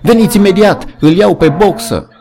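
A man voicing an old male donkey in a storybook reading, raised and urgent as he shouts warnings. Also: mid-range voice, lively intonation, close to an everyday voice. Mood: alarmed.

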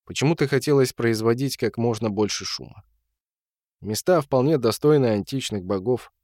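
A man narrating a story as an audiobook reader, in a measured storytelling manner. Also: mid-range voice, a little mellow, no room sound, clean studio sound. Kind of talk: audiobook reading.

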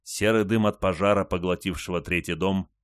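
A man reading an audiobook in an even, measured narration. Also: deep voice, smooth, no echo. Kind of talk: scripted narration.

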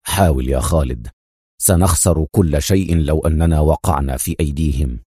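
A man plays a stern male lieutenant colonel in a spy audiobook, deep and much lower than the narrator's voice, slow and controlled. Every word lands firm and quiet in a dry, close recording. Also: husky, no echo. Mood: firm, calm. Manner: low, firm and measured.

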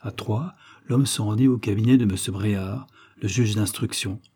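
Man, audiobook narrator, measured, mellow tone, slightly husky. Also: lowish voice. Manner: measured storytelling. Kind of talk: scripted narration.

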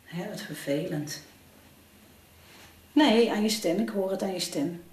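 A woman's voice: mid-range voice, a little slow, a little mellow, reverberant, close to an everyday voice, low-quality recording. An actress in a radio play as a young woman on the phone with her mother, fussy, caring and exasperated. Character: young woman alone at home, anxious, caring. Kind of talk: radio drama acting.

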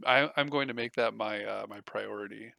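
A man's voice: on the low side, normal speed, creaky, pushed and bright, dry recording. A man co-hosting a casual podcast, mostly chiming in with short, dry remarks. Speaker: podcast co-host.

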